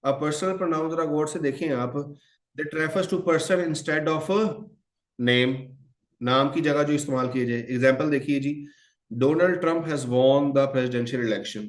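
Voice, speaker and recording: A man's voice: on the high side, slow pace, roomy sound. A man teaching English grammar in a mix of Hindi-Urdu and English, calling his students children and quizzing them. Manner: addresses students as children, asks and answers his own questions. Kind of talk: online exam-prep lecture.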